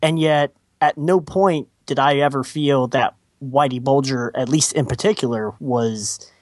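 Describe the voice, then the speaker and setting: A woman's voice: extremely low pitch, a little slow, a little mellow, no room sound, clean studio sound. A woman casually discussing a film on a podcast, making emphatic arguments. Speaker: podcast co-host.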